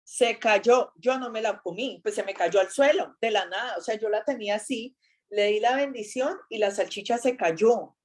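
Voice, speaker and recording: A woman's voice: a little high, moderate pace. Chatty woman telling a faith story. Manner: chatty and animated, telling an anecdote with exclamations. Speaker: speaker giving a faith talk. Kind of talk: casual faith talk with storytelling.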